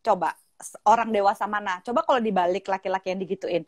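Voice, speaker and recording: Animated woman giving relationship advice. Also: medium pitch, quick pace, dry recording. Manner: animated, mixes English phrases, acts out quoted lines. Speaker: host and sexologist. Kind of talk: casual advice chat on a live stream. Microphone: phone mic on a live video call.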